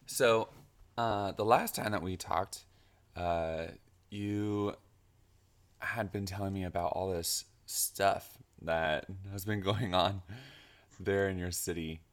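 A man hosting a casual interview, relaxed and with frequent fillers. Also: low voice, slow, smooth. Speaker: podcast host.

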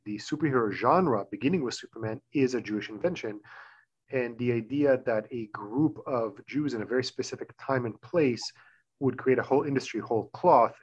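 A man in middle age talks through his ideas as an interview guest, fluent and a little professorial, often speeding into quick bursts. His voice sits at an ordinary pitch for a man. The audio sounds a bit dull and lo-fi. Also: slightly rough. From Israel. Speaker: author and guest. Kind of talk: explanatory interview talk.

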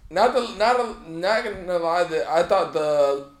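A man in casual banter, swearing freely and laid-back, with the hiccups. His voice sits a touch high for a man. The room around him rings with echo. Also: animated, a little slow. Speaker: podcast co-host. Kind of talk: casual chat.

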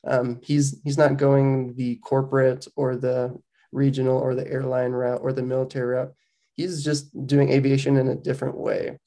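Gravelly, flat-voiced male podcast host. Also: mid-range voice, normal speed. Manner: relaxed, conversational with frequent ums. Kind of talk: casual interview.

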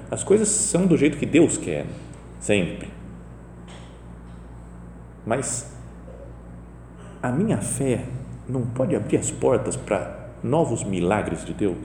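A man's voice: mid-range voice, big pitch swings, measured pace, pauses often, dark tone, a little hiss or hum. A man with a Brazilian Portuguese accent giving a chatty homily in a chapel, often asking his listeners "né?". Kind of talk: conversational homily. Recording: echoey, reverberant chapel with faint ambience.

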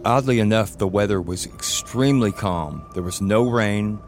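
A man telling a personal story for a podcast, measured, in short scene-setting phrases. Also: on the low side, a little hiss or hum. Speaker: guest storyteller, musician.

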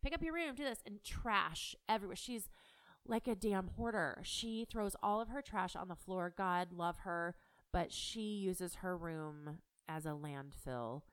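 A middle-aged woman, a mother, candidly telling a personal story at home, frank and animated, with some swearing. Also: fairly low pitch, slow pace, clear, resonant tone. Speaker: mother and business owner.

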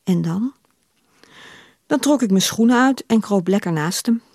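A woman puts on a worldly older woman who talks plainly and calmly, never flustered. Her voice sits in a middle register and sounds close and dry, with no room around it. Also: medium pitch, measured pace, dry recording. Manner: matter-of-fact, calm. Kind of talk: literary reading.

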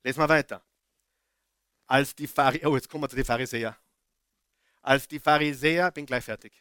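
A man preaching a sermon with earnest emphasis, swinging from loud outbursts to quiet asides and often stumbling over his words. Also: mid-range voice, steady tone, fairly quick, clear, resonant tone, dry recording, clean studio sound. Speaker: guest preacher.

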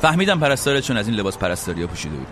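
Guy hosting a show, telling a funny story, super expressive voice going up and down. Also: on the low side, a little hiss or hum. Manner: animated, acts out quoted dialogue. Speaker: show host. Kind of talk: comic storytelling monologue.

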